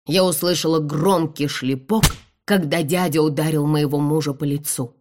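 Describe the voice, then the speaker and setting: Low-voiced woman reading an audiobook. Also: moderate pace, over music. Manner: expressive, dramatic reading. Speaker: audiobook narrator. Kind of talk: first-person audiobook narration.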